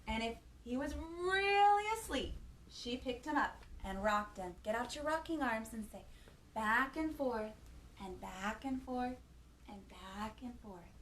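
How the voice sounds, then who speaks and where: At a slow pace, a high-voiced woman reads a picture book to little kids as the storytime host, animated and gasping as she poses questions to them. Faint noise sits behind her in an echoey room.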